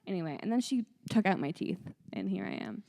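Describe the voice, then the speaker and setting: A woman's voice: medium pitch, fast, gravelly. A young woman co-hosting a podcast, chatting casually and telling a story with lots of swearing and acted-out voices. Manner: animated storyteller, swears freely, acts out voices. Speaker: podcast co-host. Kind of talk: casual chat.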